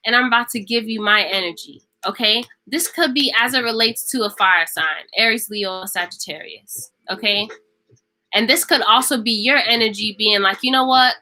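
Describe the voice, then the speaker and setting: Woman doing a chatty tarot reading, bright sharp voice, acts out what people say. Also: fairly high pitch, rough recording. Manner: emphatic, repeats phrases for stress; acts out imagined speech. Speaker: tarot reader. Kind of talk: casual tarot reading to camera.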